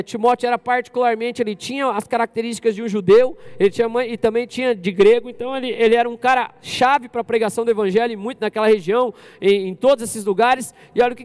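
A man from Brazil preaching a lively sermon to his congregation as pastor, often questioning the crowd directly. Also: very high-pitched, smooth. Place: church service.

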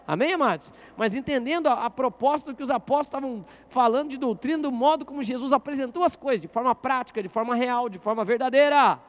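A man's voice: extremely high pitch, fast, hardly any pauses. A man preaching as a pastor to his congregation, constantly asking them questions and getting them to speak to their neighbors. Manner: interactive, asks the congregation questions. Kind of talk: sermon. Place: church.

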